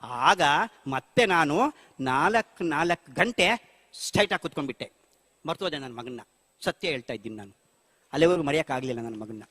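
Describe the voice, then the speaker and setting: Animated high-voiced meditation teacher, man. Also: fairly quick, long pauses. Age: middle-aged. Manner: animated, asks questions and answers them himself. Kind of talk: spiritual talk to an audience. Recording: long hall reverb.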